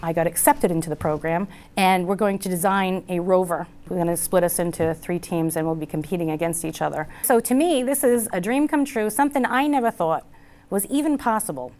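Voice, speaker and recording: A woman's voice: fairly low pitch, a little fast, a little mellow. A woman student telling her story in an interview, earnest and heartfelt, with many "you know" fillers. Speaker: community college student. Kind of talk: interview testimonial.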